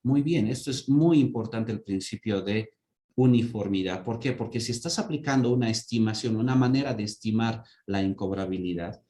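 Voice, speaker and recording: A man teaches accounting to a class, walking through everyday examples. He keeps checking that his students follow along. His voice is mellow and sits in a roomy, echoing space. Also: on the low side, moderate pace. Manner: asks students for confirmation with repeated "¿sí?". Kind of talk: online class lecture.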